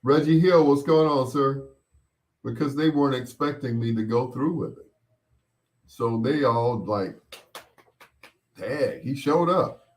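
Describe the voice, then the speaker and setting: This bedtime stories host is a middle-aged man with a mid-range voice who reminisces and replies to listener comments in an easygoing chat. His talk wanders at an unhurried pace, full of pauses and repetitions.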